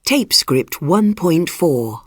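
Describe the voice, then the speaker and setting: A woman teacher reading textbook tape scripts, saying letters and numbers in a very slow, deliberate way. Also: fairly low pitch, sing-song, no room sound, clean studio sound. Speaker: English teacher.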